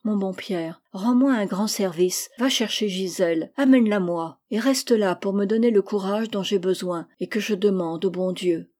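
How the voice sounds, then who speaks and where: Sad, gentle storybook mother, soft-spoken, played by a woman, mellow voice. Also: mid-range voice, normal speed, few pauses, natural voice. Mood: sorrowful. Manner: sorrowful and soft.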